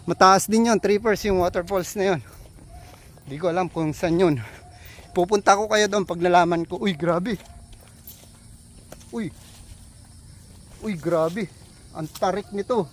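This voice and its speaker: Breathless, excitable man on a hike. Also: sits high, unhurried, pauses often. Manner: excited, exclaims often, addresses viewers as trippers. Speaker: travel vlogger. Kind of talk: casual walking travel vlog. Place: steep mountain trail outdoors. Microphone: handheld phone.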